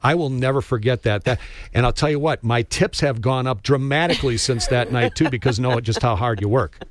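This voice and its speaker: A man's voice: mid-range voice, brisk. A man hosting a local radio interview in a folksy, conversational way. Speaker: radio host. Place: radio studio.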